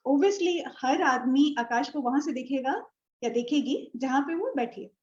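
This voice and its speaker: High-voiced woman teaching a lesson. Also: measured pace, a little mellow, dull audio. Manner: explains step by step with a globe, checking with ठीक है. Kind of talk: live online astronomy lesson. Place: indoor room with a board and a tablet.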